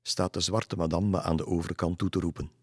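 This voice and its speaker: A man's voice: low voice, fairly even intonation, brisk, husky, no echo, studio quality. A man voicing a lonely middle-aged ferryman, telling spooky stories in a chatty way in a storybook reading.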